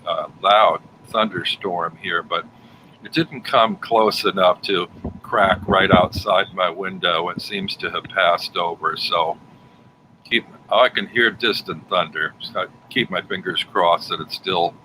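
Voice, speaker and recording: A man's voice: sits low, pushed and bright, rough recording. A man hosting a livestream and chatting casually with his guest and viewers. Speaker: livestream host. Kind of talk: casual chat. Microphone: home livestream setup. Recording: faint background noise.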